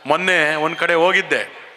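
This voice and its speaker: A man, a mimicry comedian, telling comic stories on stage into a handheld mic in a chatty, animated way. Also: on the high side, slight background noise. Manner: chatty, animated, quick asides. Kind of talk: stand-up storytelling. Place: event hall stage. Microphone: handheld mic through PA. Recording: stage mic in a reverberant hall.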